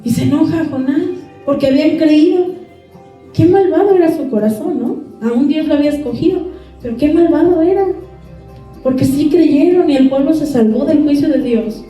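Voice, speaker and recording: A woman's voice: sits high, normal speed, dark tone. A woman preaching a sermon who keeps asking the congregation rhetorical questions for their assent. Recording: echoey church hall, mic far off, faint music.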